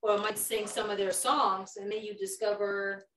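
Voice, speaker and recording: Her voice is medium-pitched and fairly bright, with a level tone and normal speed, as she leads an informal youth group talk, preaching emphatically and quizzing the small group at the table. The indoor recording sounds roomy, from a distant mic, with faint background noise.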